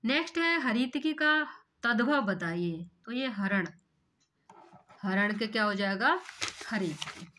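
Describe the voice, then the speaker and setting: Woman teacher, exam paper walkthrough, step-by-step explanations, rhetorical questions, fairly high, crisp bright tone. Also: animated, slow, long pauses.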